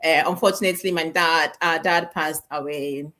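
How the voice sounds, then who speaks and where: A woman's voice: sits low, fairly even intonation, normal speed. A woman from Ghana hosting a live stream, chatting casually and a little emotionally over a video call. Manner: warm, emotional, rambling with laughs.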